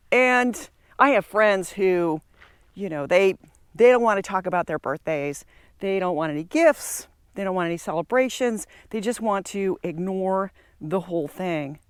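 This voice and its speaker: A woman's voice: mid-range voice, clear, resonant tone, no echo. A woman in her sixties talking casually while walking outdoors through a campground, in a chatty, reflective way. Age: 60s. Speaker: travel vlogger. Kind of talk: casual vlog monologue.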